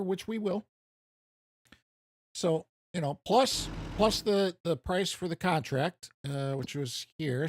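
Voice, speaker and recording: An American man with a high-sitting voice streams a farming game, giving rambling, casual live commentary. He makes fun of himself and chuckles at his own jokes, and the recording has no echo.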